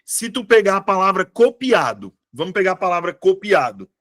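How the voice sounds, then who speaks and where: A Brazilian man who teaches Portuguese for civil service exam prep gives a casual live online class, speaking at a moderate pace in a high, very animated, slightly bright voice. He is chatty and constantly asks students checking questions.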